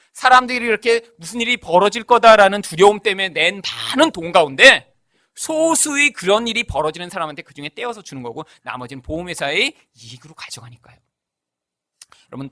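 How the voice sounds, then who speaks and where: A man's voice: sits high, very animated, a little fast, sharp tone, no echo. A man preaching a sermon as pastor. He keeps asking the congregation rhetorical questions and acts out the voices in his stories. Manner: tells stories with acted-out voices.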